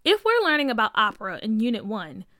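A woman's voice: fairly high pitch, very animated, quick pace, sharp tone, no room sound, clean studio sound. A woman voicing an earnest, outspoken young schoolgirl who asks insistent questions in a storybook reading.

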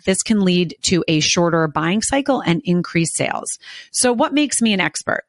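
A woman's voice: on the low side, dry recording. A woman hosting a podcast, introducing a guest and promoting her storytelling consulting with upbeat enthusiasm.

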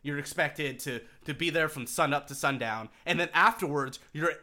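A man co-hosting a podcast in casual chat, animated and swearing, laughing often. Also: fairly high pitch, normal speed. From Japan. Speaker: podcast co-host.

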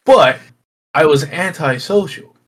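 A young man co-hosting a podcast, chatting casually with friends in loud, matey, sweary banter. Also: a little high, expressive, takes it slowly. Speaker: podcast co-host. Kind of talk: casual chat among friends.

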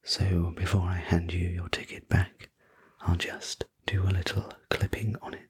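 A courteous male night conductor acted out by a man in a whispered role-play sleep story. His low voice is very breathy and soft, with a soothing, polite delivery. He takes his time and stays even and attentive throughout, like a sleep story narrator. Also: a little slow, heavily acted.

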